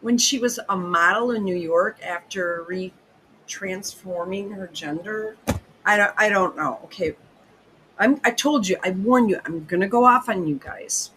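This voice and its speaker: A woman rants through a casual commentary, swearing freely and cutting herself off mid-thought. She talks at an unhurried, drawn-out pace, and a faint ambience hums behind her. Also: medium pitch, a little hiss or hum, low-quality recording. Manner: profane, excitable, self-interrupting. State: hiccuping. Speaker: podcast host.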